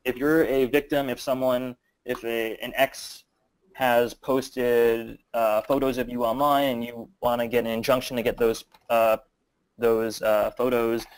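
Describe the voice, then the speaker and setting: A man's voice: medium pitch, level tone, measured pace, low-quality recording. A man answering audience questions in a webinar, talking loosely with many fillers and restarts. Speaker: guest marketing expert.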